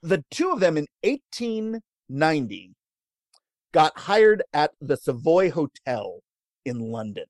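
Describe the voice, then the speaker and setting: A man co-hosting a casual chat, telling food history with wry, deadpan jokes. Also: fairly high pitch, slow pace, no room sound, clean studio sound. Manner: wry, deadpan jokes, laughs at own lines. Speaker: podcast co-host telling history.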